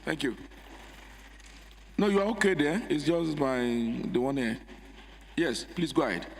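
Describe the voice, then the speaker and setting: A man's voice: a little high, animated, unhurried. A man with a Nigerian accent chairing a parliamentary session as speaker, making informal, conversational asides. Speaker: house speaker. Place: legislative chamber. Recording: reverberant assembly hall.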